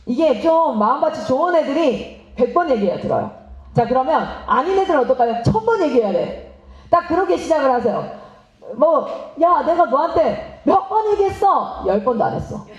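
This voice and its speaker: Female missionary seminar speaker, very high and lively, engages the audience, roomy hall sound. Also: fairly quick. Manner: animated, asks the audience questions and acts out parents and children. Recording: roomy, slightly dull hall recording.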